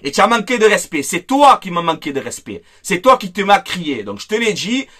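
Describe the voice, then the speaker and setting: A man's voice: high-pitched, sing-song, fairly quick, bright, forceful tone, slightly rough. A man delivering an angry, emphatic fan rant to camera, repeating himself for force. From Marseille, France. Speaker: football fan vlogger.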